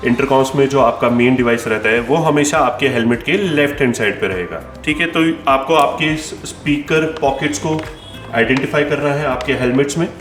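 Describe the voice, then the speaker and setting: An Indian man working as a store presenter demonstrates how to install a helmet intercom in a tutorial. His mid-pitched voice is fairly bright and moves at a moderate pace, conversational yet instructive as he repeats key points and mixes in English terms. The room is echoey, with music clearly audible behind him.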